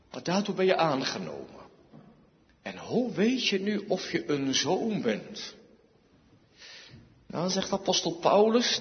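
A man's voice: on the high side, big-room sound, dull audio. A male pastor preaching a sermon, emphatic, repeating key words and asking rhetorical questions.

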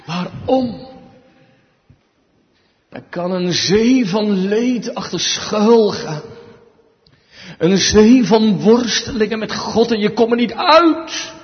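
A man preaching a sermon slowly and emphatically, swinging between hushed and loud passages. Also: sits high. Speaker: pastor. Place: church. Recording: dull sound with long church reverb.

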